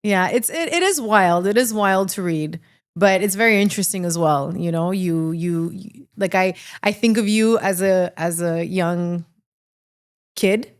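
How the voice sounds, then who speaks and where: A woman's voice: on the low side, unhurried. A woman hosting a podcast interview, listening closely and chatting casually with her guest. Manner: attentive listener with frequent short backchannels. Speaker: podcast host.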